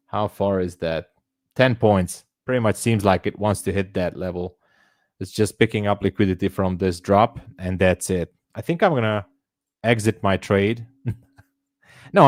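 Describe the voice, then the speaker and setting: A man's voice: low-pitched, no room sound, clean studio sound. A man from Hungary hosting a live trading stream, chatting casually, laughing often and thinking aloud. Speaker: livestream trading host.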